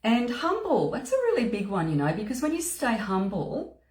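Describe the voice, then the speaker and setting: A woman's voice: fairly high pitch, huge pitch swings, normal speed, darkish tone, roomy sound. A woman speaking as a spiritual mentor, giving an earnest motivational talk with lots of "you know" and "okay" and words repeated for emphasis. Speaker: spiritual mentor and psychic medium.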